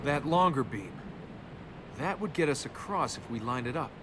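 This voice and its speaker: A male actor voices a cocky, wry young adventurer in a video game, casual and sardonic, in natural character acting that's lightly performed. His intonation is lively at a normal speed, and the game capture carries rumbling ambient noise.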